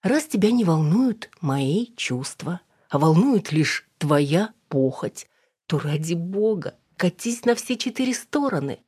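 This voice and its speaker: A woman's voice: fairly low pitch, expressive, measured pace, hardly any pauses, darkish tone, husky, no echo, clean studio sound, voice pushed up. A woman voicing a cool, teasing young woman who purrs her lines in an audiobook. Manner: purring, coolly teasing.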